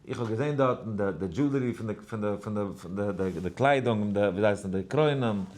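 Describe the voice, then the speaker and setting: A man's voice: on the low side, fairly quick, a little mellow. A man giving a Torah class, telling a parable in a rambling way with many fillers and English words mixed in. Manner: chants verses in a sing-song. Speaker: rabbi giving a daily class. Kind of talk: Torah lecture in story form.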